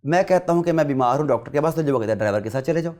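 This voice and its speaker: A man speaking as a podcast guest lecturer gives an earnest, emphatic explanation full of rhetorical questions, with English words slipped in. He has a fairly high, slightly mellow voice and lively intonation.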